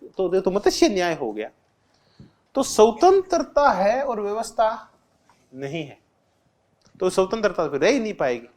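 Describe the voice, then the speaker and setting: Man teaching, quizzing his class aloud. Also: sits high. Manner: asks the class questions and answers them himself; explains by repeating key terms with simple examples. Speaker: political science teacher. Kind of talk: exam-prep classroom lecture.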